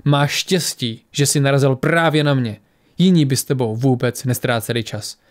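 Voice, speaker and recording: A man voicing a calm, menacing female warrior who speaks slowly and coldly in an audiobook. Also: mid-range voice, natural voice. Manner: quiet, slow, cold menace.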